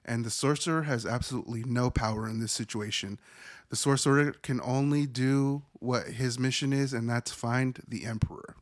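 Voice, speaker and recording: A man's voice: medium pitch, steady tone, normal speed. A man in his thirties hosting a podcast, recapping a horror movie in a rambling, profane, self-correcting way. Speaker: podcast host reviewing a movie. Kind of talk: casual spoken movie recap.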